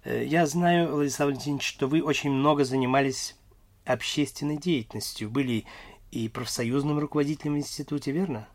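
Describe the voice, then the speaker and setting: A man conducting a formal radio interview, courteous and measured, with occasional hesitations. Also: mid-range voice. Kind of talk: Soviet-era radio interview.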